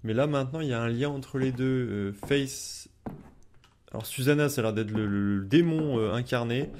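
A man's voice: medium pitch, moderate pace, darkish tone, a little hiss or hum. A man giving casual let's play commentary, informal and hesitant as he thinks aloud. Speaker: let's player.

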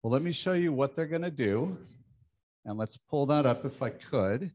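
A man's voice: mid-range voice, expressive, moderate pace, darkish tone. A man presenting a new program at an office team meeting, candid and matter-of-fact as he explains it.

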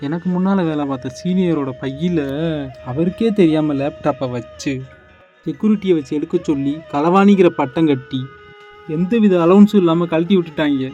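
Guy playing a hurt tired dad, dark mellow voice, soft music under it. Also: moderate pace, muffled recording, close to an everyday voice. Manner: hurt, weary, low-spoken. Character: father, humiliated at work and heartbroken. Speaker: father of two daughters. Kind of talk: family short-film drama.

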